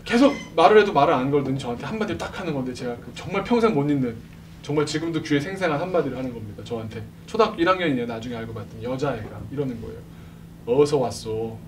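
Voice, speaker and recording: Animated man telling a story at church. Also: medium pitch, rapid-fire, a crowd in the background. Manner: animated, acts out quoted voices, laughs often. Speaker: speaker at a church service. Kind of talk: storytelling testimony to a congregation. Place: church sanctuary. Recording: distant mic with background noise.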